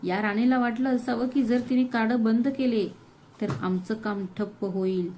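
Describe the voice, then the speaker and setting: A woman voicing a scornful, bitter older mother-in-law in an audio story, shrill and accusing. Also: steady tone, normal speed, mellow, slight background noise, natural voice, poor audio.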